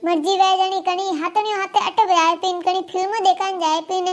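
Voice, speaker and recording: A woman's voice: very high-pitched, level tone, normal speed. A woman voicing a grumbling older grandmother in a cartoon comedy, speaking with a Marwari accent and complaining and scolding. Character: grumbling old grandmother with four sons. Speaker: cartoon character.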